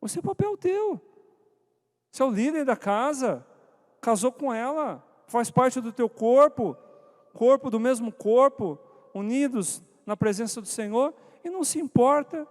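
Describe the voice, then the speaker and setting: A man's voice: very high voice, expressive, measured pace. A man giving an interactive church talk to couples, asking the audience questions and calling on people by name. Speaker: speaker at a church couples' meeting. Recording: long hall reverb.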